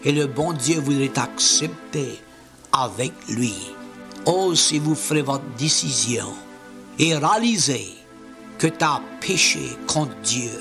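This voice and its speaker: A man's voice: medium pitch, expressive, slow, creaky, over music. A man from Louisiana with a Cajun French accent, preaching an evangelistic sermon as plain, folksy Bible storytelling with earnest appeals.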